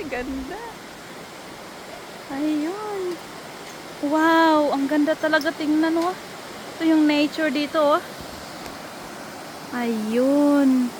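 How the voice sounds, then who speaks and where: A woman vlogging by a waterfall on her phone, excitable and giggly, exclaiming often and sounding nervous and shaky. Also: extremely high pitch, very noisy. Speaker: travel vlogger. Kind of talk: casual vlog narration. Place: outdoors by a waterfall. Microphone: handheld phone. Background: rushing waterfall.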